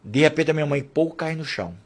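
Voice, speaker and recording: A man's voice: on the high side, fast talker. A man telling a fervent religious testimony, quoting prayers and family members as he goes. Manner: fervent storytelling with quoted prayers. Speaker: testimony speaker.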